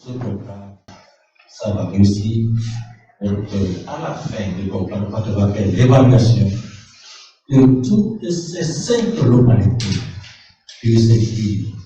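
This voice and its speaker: A man's voice: fairly low pitch, expressive, slow, long pauses, mellow. A man giving formal spoken remarks to close a public speech. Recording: dull, echoey, distant, faintly noisy.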